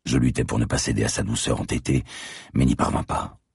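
Very deep gravelly male narrator. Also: steady tone, fairly quick, no echo, clean studio sound. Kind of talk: audiobook narration.

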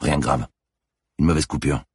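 A man playing a gruff, curt police lieutenant. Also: very deep voice, normal speed, no room sound, clean studio sound, full character voice. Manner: curt, hard tone.

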